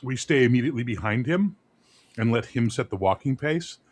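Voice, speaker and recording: A man's voice: medium pitch, expressive, fairly quick. A man chatting as a player in a tabletop game, blunt and joking. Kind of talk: casual tabletop game chat.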